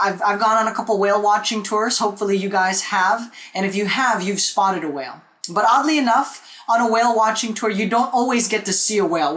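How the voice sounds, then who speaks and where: Speaking in a high, sharp voice, this man from the Philippines runs a chatty live webinar on online marketing, frequently asking "okay?" and "right?" He's captured by a desk webcam in a small indoor room that has a whiteboard.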